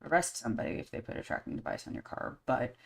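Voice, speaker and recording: A woman hosting a podcast live stream in casual chat, candid and blunt, swearing freely and rambling with many fillers. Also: fast. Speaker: podcast host.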